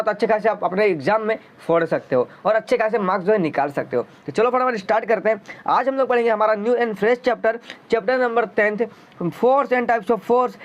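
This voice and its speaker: A man teaching a school science lesson in a chatty, coaxing way, asking his students questions as he goes. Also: sits high. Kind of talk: explaining a science lesson in Hindi. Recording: dull lo-fi sound.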